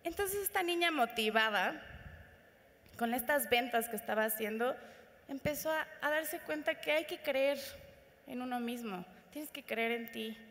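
A woman with a Mexican accent telling an inspirational story to an audience at a conference. She speaks in an animated way and talks straight to the listeners. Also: high voice, unhurried. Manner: animated, addresses audience directly. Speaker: motivational speaker. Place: conference hall. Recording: reverberant conference hall.

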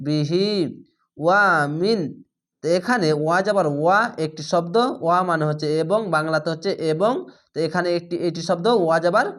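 A man teaching a Quran recitation lesson. He spells each word letter by letter, recites it slowly and drawn out, and patiently repeats the rules, sometimes quizzing the viewer. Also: on the high side, a bit bright.

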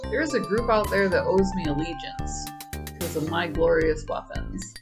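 A woman's voice: on the low side, normal speed, loud music behind the voice. A woman chatting through a video game as its streamer, playful and wry, often exclaiming.

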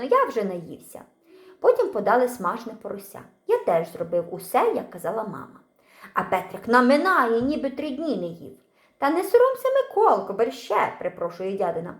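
A woman reading a children's story aloud, acting out the characters with an expressive voice. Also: mid-range voice, roomy sound.

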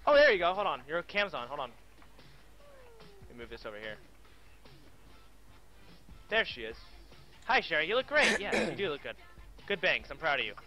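A man streaming a game live, his voice bright and forceful with wide, lively swings in pitch. He is excitable and profane, barking orders at his viewers in casual chat. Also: moderate pace, long pauses, faint music behind.

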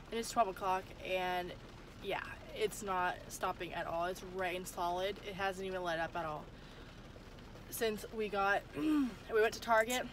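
In a parked car, a young family vlogger holds her phone camera at arm's length for a casual chat, rambling and tired with a cold-clogged nose. Her voice sits mid-range and a bit bright, accompanied by a little hiss or hum.

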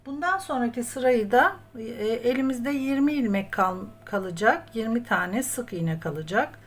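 Talking through her crochet as she goes, this woman speaks animatedly at a normal speed, her voice on the high side. She counts each stitch out loud and treats her viewers like friends. Room ambience and clear background noise come through.

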